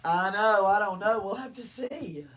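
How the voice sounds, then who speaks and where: A library storytime reader, a woman with a Southern US accent, shares a picture book with children in her mid-range voice. Expressive throughout, she pauses for questions to engage them. The indoor recording has a distant mic and noticeable room noise.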